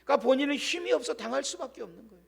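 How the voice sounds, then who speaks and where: A male pastor preaching a sermon, telling a story dramatically and dropping to a hushed voice for quoted lines. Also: extremely high pitch, lively intonation, very fast, gravelly. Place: church sanctuary. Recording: long church-hall reverb.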